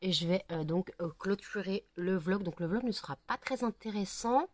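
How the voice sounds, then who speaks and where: A woman's voice: mid-range voice, normal speed, darkish tone, dry recording. A tired woman vlogging casually at home, rambling with many fillers and talking to her dog. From France. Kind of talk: casual home vlog chat. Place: home indoors.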